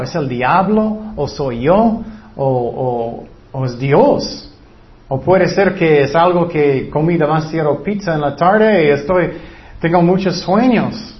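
High-voiced guy preaching, tells stories and acts them out, echoey dull room sound. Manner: storytelling with acted quotes, frequent restarts. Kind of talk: sermon. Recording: roomy, slightly dull recording.

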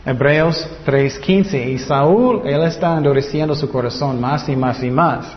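Slow-preaching man in an echoey hall. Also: a little high. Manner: slow, deliberate preaching with rhetorical questions. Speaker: pastor. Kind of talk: sermon. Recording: muffled reverberant hall.

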